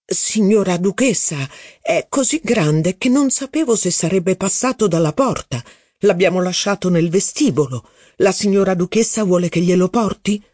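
A man's voice: high voice, expressive, moderate pace, a little mellow, dry recording, clean studio sound, pitched above the performer's own voice. A man reading the lines of an anxious, servile footman in an audiobook. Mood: deferential. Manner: deferential, reporting news eagerly.

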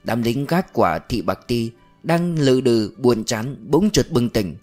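A man narrating a mystery novel as an audiobook reader, in a calm, steady storytelling manner. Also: mid-range voice, unhurried, soft background music.

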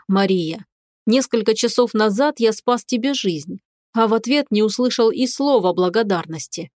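A woman's voice: medium pitch, darkish tone, no room sound, clean studio sound, lightly acted. A woman voicing a stern male dragon in human form, who speaks coldly and with tired irritation in an audiobook. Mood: reproachful. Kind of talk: audiobook character reading.

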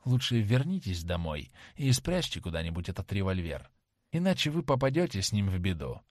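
Man doing a young gentleman, tense, urgent, animated pitch, dry close sound. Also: a little fast, dry recording. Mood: stern. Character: young gentleman, frightened then cold and haughty.

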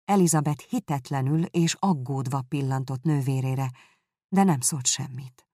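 A woman reading a novel aloud as narrator, calm and measured, close to the mic. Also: very deep voice, no room sound. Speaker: audiobook reader. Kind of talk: scripted narration.

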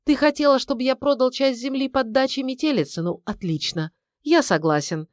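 In a clean, dry studio recording, a woman with a high, natural voice pitches herself above her usual range to play a sarcastic, irritable middle-aged husband. She grumbles at a moderate pace, sounding weary but firm.

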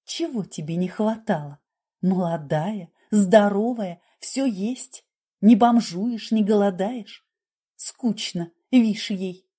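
A woman's voice: mid-range voice, slow pace, warm tone, breathy edge. Woman doing a blunt, scolding nurse. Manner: brusque, lecturing.

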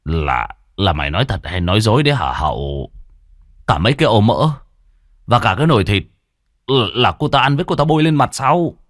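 A man's voice: fairly low pitch, very animated, brisk, no room sound, studio quality. A man voicing a stern, matter-of-fact middle-aged village father for an audio ghost story.

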